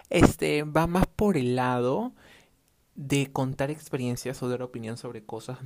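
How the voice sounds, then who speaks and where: A young man with a mid-range, slightly mellow voice hosts a casual solo podcast, rambling and wandering off topic. He owns a clothing brand and isn't using a dedicated microphone.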